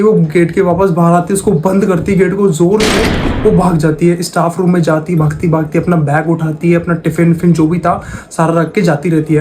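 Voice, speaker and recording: A man with a high-pitched, darkish voice tells a spooky story, heard over slight background noise. He narrates casually, as a horror storyteller, giving dialogue in a plain conversational tone. He repeats phrases along the way.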